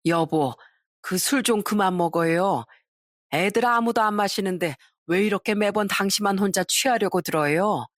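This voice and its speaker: A woman doing a tired, gentle old mother-in-law. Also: mid-range voice, no room sound, clean studio sound, natural voice. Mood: pleading. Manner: soft, slow, resigned. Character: weary, patient mother-in-law in her 60s.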